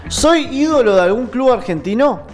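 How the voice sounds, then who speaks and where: Playful guy streaming a guessing game, pretty high voice, faint music behind. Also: animated, moderate pace. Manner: playful, laughs often.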